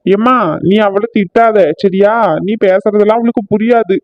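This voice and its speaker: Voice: medium pitch, steady tone, normal speed, no echo, natural voice. Performer as defiant married son, exasperated, cartoon family comedy, muffled dry track.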